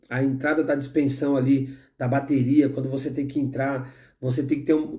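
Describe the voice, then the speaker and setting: A man's voice: mid-range voice, warm tone. A Brazilian man with a Brazilian accent giving heated, rambling football opinions with frequent restarts. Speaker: football commentator. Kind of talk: opinionated casual football talk.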